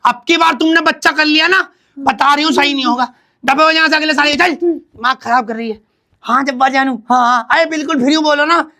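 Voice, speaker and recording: Guy doing a brash scolding young woman, real high and bright, loud comedy sketch rant. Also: fairly quick, full character voice. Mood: sweet-talking. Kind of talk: comic sketch acting.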